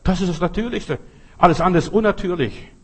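A man preaching with a husky, slightly breathy voice. He talks straight to the listener, leaning hard on repeated phrases and pointed asides. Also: high-pitched, quick pace. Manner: direct, addresses listener as du, emphatic repetitions. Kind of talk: sermon.

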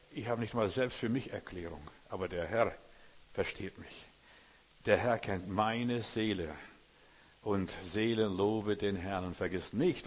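A man preaching a sermon with fervour, speaking straight to his listener and repeating his phrases for emphasis. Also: fairly low pitch. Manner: fervent, addresses listener directly, repeats phrases. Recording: long hall reverb.

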